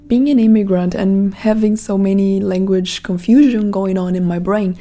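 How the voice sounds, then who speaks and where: This podcast host, a woman with a Brazilian Portuguese accent, muses through a casual, reflective monologue at normal speed. Her mid-pitched voice stays relaxed and mellow as she wanders from thought to thought, dropping "like" constantly.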